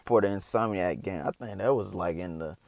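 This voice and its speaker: A man's voice: deep voice, a little fast, gravelly, a little mellow, dry recording. A man chatting casually as a reaction host, slangy and rambling.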